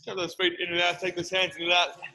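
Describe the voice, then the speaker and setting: Man, live workout instruction, high pitch, piercing forceful delivery, encouraging. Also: completely flat delivery, fast. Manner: encouraging, counting down time. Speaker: group fitness coach. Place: large gym studio.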